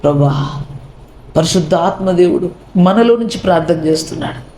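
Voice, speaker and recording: Man preaching, pastor, impassioned, repeated rhetorical questions, slightly high voice, mellow tone, echoey room. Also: normal speed. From India. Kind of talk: sermon.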